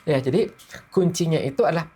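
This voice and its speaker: A man, calmly explaining things step by step as the guest expert on a podcast. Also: on the high side, quick pace, slight background noise. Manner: calm, explains in steps with everyday analogies.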